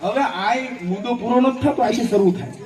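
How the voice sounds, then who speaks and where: A fiery man delivers a rhetorical public speech in a high, ringing voice. He mixes forceful declarations with humorous stories and acts out the voices of the people in them. He sounds far from the mic, in a big hall with heavy echo. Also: fairly quick, a crowd in the background, background noise. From Bhavnagar, Gujarat, India. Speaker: public speaker.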